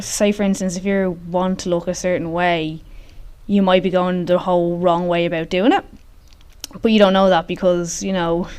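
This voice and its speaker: A woman's voice: lowish voice, a little mellow, smooth. Woman podcasting casually in an echoey gym. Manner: informal, chatty, conversational. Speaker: podcast host. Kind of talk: casual solo podcast talk. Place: large open gym, indoors. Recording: echoey open gym room.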